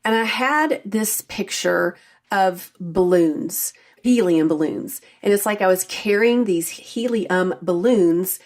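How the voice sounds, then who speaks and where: A woman's voice: mid-range voice, slow pace. A middle-aged woman hosting a solo podcast as a health coach, talking in an earnest, personal, confiding way. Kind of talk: solo faith-based podcast talk.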